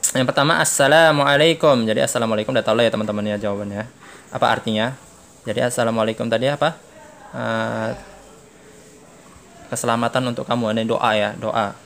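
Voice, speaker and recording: Indonesian man, casual teacher voice, slow deliberate reads, relaxed explaining. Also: mid-range voice, slight background noise. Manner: slow, drawn-out reading of dialogue lines, then relaxed explaining with fillers. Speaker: Arabic teacher. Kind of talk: casual online lesson.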